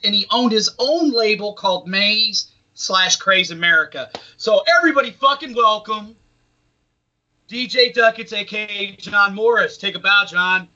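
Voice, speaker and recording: A man's voice: high-pitched, normal speed, bright, forceful tone. A man co-hosting a casual podcast, talking emphatically with frequent swearing. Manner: profane, emphatic. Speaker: podcast co-host. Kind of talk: casual chat. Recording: dull lo-fi audio.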